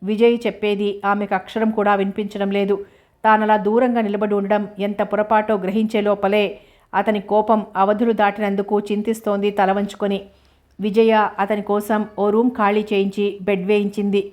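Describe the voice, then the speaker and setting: Flat-voiced woman reading a novel aloud. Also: medium pitch, normal speed. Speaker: audiobook narrator.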